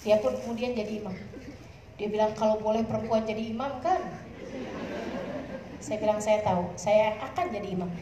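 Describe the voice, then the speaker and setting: A woman preacher giving a lively religious talk to women, speaking with some mixed in, her voice swinging between soft and raised. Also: medium pitch, normal speed, pauses often, far from the mic. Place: community hall. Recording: echoey hall, faint noise.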